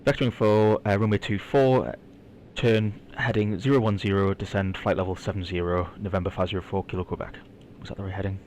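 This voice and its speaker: Deep-voiced man as pilot on cockpit headset. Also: level tone, brisk, a little mellow, slight background noise. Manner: reads clearances back with hesitant fillers. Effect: pilot speaking into a cockpit headset. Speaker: pilot flying a simulated charter flight. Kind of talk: cockpit talk and radio readbacks while flying.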